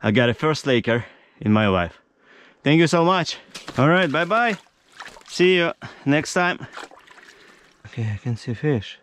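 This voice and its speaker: A man in his thirties talking to camera from an ice-fishing tent, in broken non-native English and breaking into excited exclamations. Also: a little high, a little slow, long pauses, slight background noise. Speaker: fishing vlogger. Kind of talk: casual vlog narration to camera. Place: inside an ice-fishing tent on a frozen lake. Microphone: action camera mounted in the tent.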